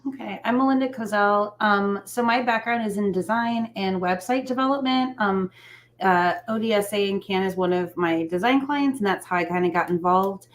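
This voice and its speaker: A woman student gives a casual, slightly hesitant self-introduction. She pauses with ums along the way. Her voice is mid-pitched and comes through a computer mic on a video call.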